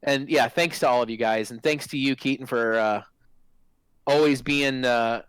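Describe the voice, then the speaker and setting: A man in his forties, a guest on a stream interview, chatting in an excitable, casual way with lots of restarts and swearing. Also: medium pitch, normal speed, clear, resonant tone, rough recording. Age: 40s. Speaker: guest, former game product manager.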